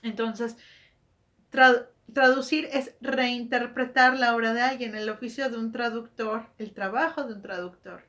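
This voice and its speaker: A woman's voice: a little high, steady tone, a little slow, a bit bright. Chatty woman. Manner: chatty, self-correcting, rhetorical questions. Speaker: book vlogger. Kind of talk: casual explanatory monologue.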